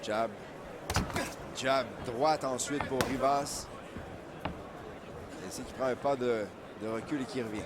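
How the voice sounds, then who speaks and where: Male Quebec boxing commentator over loud noise. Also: mid-range voice, fairly even intonation, takes it slowly, long pauses. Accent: Quebec French. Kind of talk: live sports commentary.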